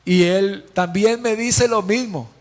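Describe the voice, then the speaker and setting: A man's voice: high voice, slow. A man acting out a grieving woman who tells, in first person, how she found the tomb empty, her retelling tearful and rising to pleading cries. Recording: long church hall reverb.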